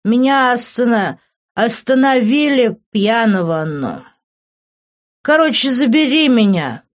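A woman reading an audiobook, voicing a drunk young man who slurs, swears and yells down the phone. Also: on the high side, lively intonation, slow, voice pushed up. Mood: drunk, angry. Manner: slurred, swearing, yelling. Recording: dull lo-fi recording.

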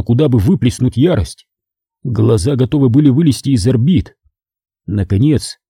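A man narrating a first-person audiobook in a measured, dramatic storytelling manner. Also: mid-range voice, dark tone, breathy edge, dry recording, clean studio sound.

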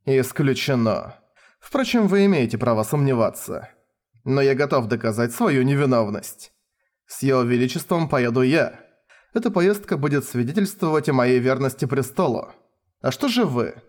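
A man's voice: medium pitch, natural voice. Man reading an icy, composed colonel. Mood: cold. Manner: calm, icy, measured. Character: cold, composed male colonel, schemer.

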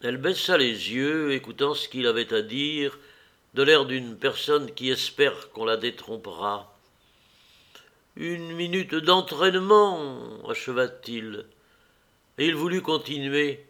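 A man narrating a classic novel in a measured, expressive audiobook reading. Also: medium pitch. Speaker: audiobook reader. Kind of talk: literary narration.

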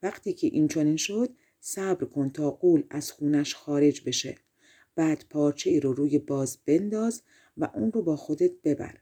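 A wise, helpful fox from a fairy tale gives careful advice in a soft, breathy voice, as a woman reads him. The sound is mellow and warm, with a gentle, unhurried manner. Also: low voice.

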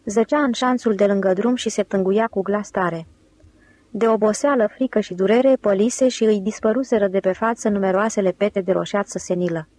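A woman narrating a novel with a steady, even delivery at a middling pitch. The recording is close and dry, with no room sound. This is audiobook reading. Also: no echo, poor audio. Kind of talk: scripted narration.

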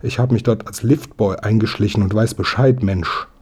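A cocky, street-smart kid from a storybook who shouts his point, put on by a man reading aloud. The voice stays dark and a little husky. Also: lowish voice, fairly even intonation, normal speed. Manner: cocky, loud. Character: cheeky street-smart boy.

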